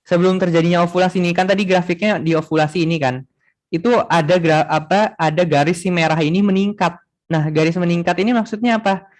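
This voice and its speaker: A young man tutoring a class online in a casual way, thinking aloud with many fillers and restarts. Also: a little high.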